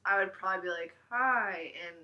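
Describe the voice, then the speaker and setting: A woman's voice: mid-range voice, a little fast, dull audio. A young woman on a casual podcast with friends, making silly teasing asides. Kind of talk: casual chat.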